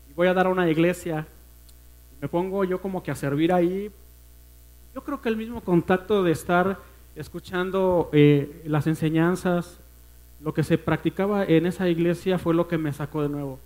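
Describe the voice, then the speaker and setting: A man with a Mexican accent preaching a personal testimony at a church service, earnest and emotional, often dropping to a hush. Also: sits high, low-quality recording. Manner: earnest, emotional storytelling that often sinks to a hushed voice.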